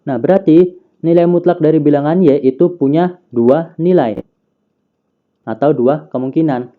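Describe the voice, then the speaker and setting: A man's voice: fairly high pitch, moderate pace, narrow, tinny audio. A man teaching a math lesson, patiently explaining, asking questions and answering them himself. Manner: patient, asks and answers own questions, counts aloud.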